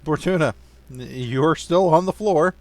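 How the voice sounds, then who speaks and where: Guy game master narrating, slightly high voice, dry close sound. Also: unhurried, darkish tone, no echo.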